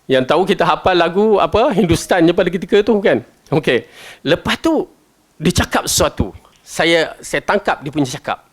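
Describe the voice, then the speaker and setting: A man with a Malaysian Malay accent teaching a Quran commentary lesson, chatty and animated, often asking his listeners questions. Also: normal speed. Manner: animated, jumps between loud stresses and low asides. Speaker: religious teacher.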